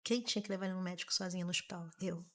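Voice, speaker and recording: A woman, a massage therapist and mother, telling her painful story as a podcast guest, earnest and halting, often repeating her words. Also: lowish voice, steady tone, fairly bright tone. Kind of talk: emotional personal testimony.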